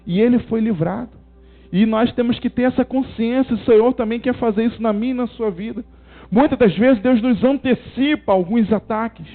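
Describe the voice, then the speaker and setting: A man with a high voice preaching at a church service, stressing each short phrase and repeating it. The recording is thin and muffled, as if over a phone, with soft music in the background. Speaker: pastor. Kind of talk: sermon. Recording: tinny phone-like sound with faint music.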